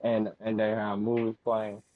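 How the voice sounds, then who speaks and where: A man's voice: fairly low pitch, monotone, a little slow, dry recording. A man chatting casually with a friend during a game stream, with laid-back, slangy banter. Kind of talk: casual chat. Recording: dry, phone-like line.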